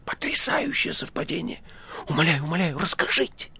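A male narrator voicing a nervous, secretive male asylum patient in his late thirties who whispers and then bursts into excited pleading. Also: deep voice, moderate pace.

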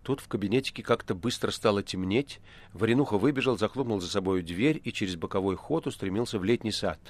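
A man narrating a novel as an audiobook, with expressive storytelling. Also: fairly low pitch, fast talker. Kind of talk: literary audiobook reading.

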